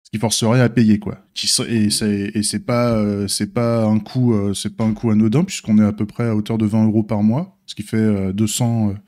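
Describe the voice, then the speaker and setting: A man's voice: on the low side, flat delivery, normal speed, hardly any pauses, darkish tone. A man with a slight lisp and slushy s sounds, giving a casual unscripted stream update in an informal, hesitant, thinking-aloud way. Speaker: streamer and software developer.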